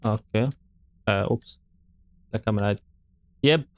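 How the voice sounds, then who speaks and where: Playing a horror game, a young man with an Egyptian Arabic accent hosts a gaming channel let's play, joking nervously and laughing a lot. His voice is on the low side and a little mellow, at normal speed. The recording is muffled, with no room sound.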